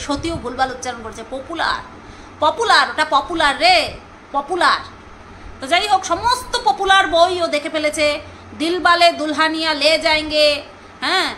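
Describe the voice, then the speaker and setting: A woman chatting casually to her viewers, gossipy and talkative, often pausing to search for names aloud. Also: high-pitched, bright, forceful tone, a little hiss or hum, low-quality recording. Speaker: vlogger reviewing a serial.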